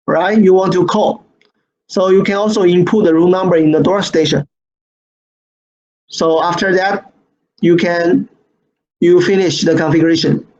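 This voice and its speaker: Over a screen-share session, a man whose first language isn't English gives a product training in a high, slightly mellow voice. His phrasing is halting and repetitive, peppered with "right?" tags, and the sound has a dull, lo-fi webinar quality.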